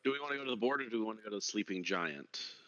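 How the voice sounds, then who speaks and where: Lively man playing a tabletop game. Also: very fast, dull audio. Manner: lively, laughing, jumps into high character voice. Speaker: player. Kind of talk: casual tabletop role-play.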